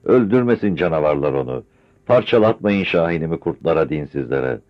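A man voicing a grieving, frail old village man who pleads tearfully in a high, strained voice. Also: lively intonation, brisk. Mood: pleading. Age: older. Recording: dull lo-fi recording.

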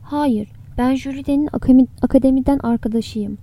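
A woman's voice: sits high, a little fast, dark tone. A woman voicing a worried, grieving young man in an audiobook, with urgent and anxious delivery. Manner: urgent, breathless worry. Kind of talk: audiobook character reading.

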